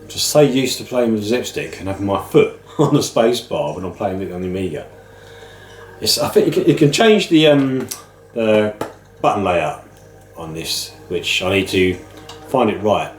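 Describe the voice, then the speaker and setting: Suffering from a head cold he calls man flu, a middle-aged British man hosting a video game pick-ups channel chats casually and rather ramblingly to camera. His lowish voice is a bit nasal and blocked up, his delivery animated and moderately paced. Music plays under a very roomy, echoing sound.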